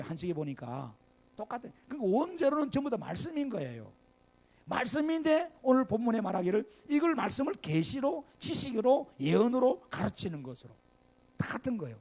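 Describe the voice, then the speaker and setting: An older man preaches in a Gyeongsang accent, his voice gravelly and dark. He swings his pitch widely, tossing out chatty asides and rhetorical questions to the congregation. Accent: Gyeongsang Korean. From Gyeongsang region, Korea. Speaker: pastor. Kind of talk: sermon. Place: church sanctuary.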